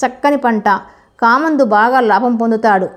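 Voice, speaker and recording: A woman voicing a stern elderly village father-in-law in a folk tale, with a measured, grave reading. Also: fairly high pitch, lightly acted.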